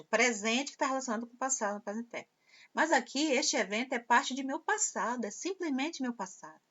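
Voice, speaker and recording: A woman teacher explaining English grammar slowly and patiently. She repeats example phrases and translates them. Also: on the high side, a bit bright. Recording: dull lo-fi sound.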